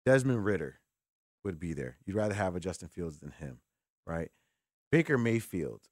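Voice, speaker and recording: On a close studio microphone in a radio studio, a man hosting a sports call-in show delivers opinionated commentary, thinking aloud and firing off rhetorical questions. His voice is low and very animated at normal speed, clean with no room sound.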